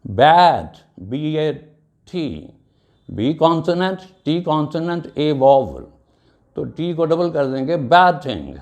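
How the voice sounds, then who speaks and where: A man teaching a grammar class at a slow, measured pace. His voice is fairly high for a man and has a gravelly, creaky edge. He spells out each word letter by letter. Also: very animated, darkish tone. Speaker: English teacher.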